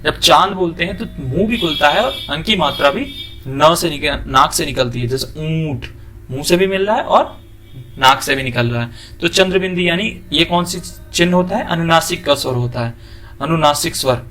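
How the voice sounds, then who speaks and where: A man giving a classroom lesson, often asking a question and then answering it himself, and drawing out example sounds slowly. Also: on the high side, expressive, sharp tone. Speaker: teacher.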